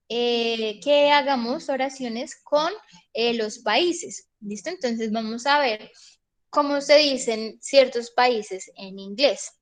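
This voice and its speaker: High-voiced teacher, slow and patient. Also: female voice. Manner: patient, checks in with "¿listo?" often. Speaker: English teacher. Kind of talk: online class instruction.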